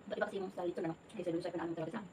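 A woman's voice: lowish voice, steady tone, rapid-fire. A woman chatting casually over a meal at home, chewing while she talks and often groping for the right word. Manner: rambling, often hunting for words. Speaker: mukbang vlogger. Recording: distant mic with background noise.

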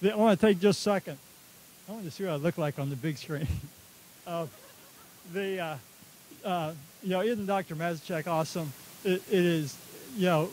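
A man's voice: a little high, slight background noise, low-quality recording. A man from Texas giving a rambling, chuckling speech at an outdoor stadium ceremony. He tells stories about himself through a stadium microphone. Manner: rambling, chuckling, self-deprecating storyteller. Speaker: athletics director.

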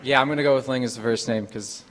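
A man's voice: mid-range voice, fast, a bit bright. A male student hesitantly guessing answers in front of a class. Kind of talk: classroom exchange. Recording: hall reverb.

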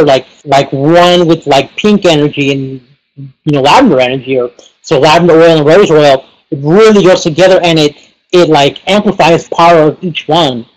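A man's voice: high voice, low-quality recording. A man giving a casual webinar lesson, rambling and leaning heavily on fillers like "you know" and "like". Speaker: pranic healing teacher.

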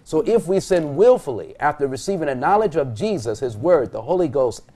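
A man's voice: on the high side, very animated, a little fast, mellow. A middle-aged male pastor on a TV studio panel, reading Bible verses aloud and asking rhetorical questions that he then answers. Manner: reads scripture aloud, poses rhetorical questions and answers them. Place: TV studio set at a desk.

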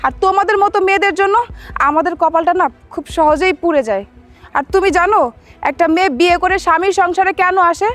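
A woman's voice: very high voice, fast, fairly bright tone, dry recording, soft background music. A woman acting a betrayed wife in a short drama film, reproachful and lecturing. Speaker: actor playing a betrayed wife.

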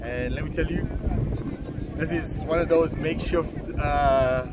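A middle-aged South African man vlogging outdoors at a drag strip, calling races with upbeat, excited play-by-play into a handheld camera mic. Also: a little high, unhurried, heavy background noise. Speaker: vlogger and race commentator. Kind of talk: casual vlog commentary.

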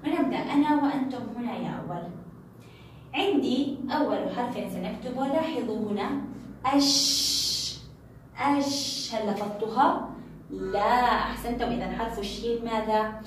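A woman teaching a lesson to young children, stretching out words and syllables slowly and praising often. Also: a little high, a little mellow. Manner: slow drawn-out syllables, frequent praise. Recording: echoey room from a distant mic with noise.

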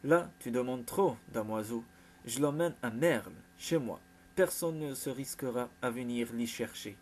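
A blunt, gruff older medieval lord, voiced by a male narrator who lectures and gives orders sternly. His pitch sits in an ordinary middle range. A faint hum runs behind the reading. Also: unhurried, close to an everyday voice. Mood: commanding.

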